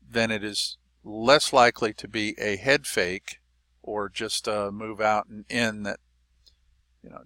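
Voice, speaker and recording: Bright-voiced, folksy trading teacher, a man. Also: lowish voice, no room sound. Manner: relaxed and folksy, with frequent fillers and small jokes. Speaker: trading educator. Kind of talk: explanatory market lesson.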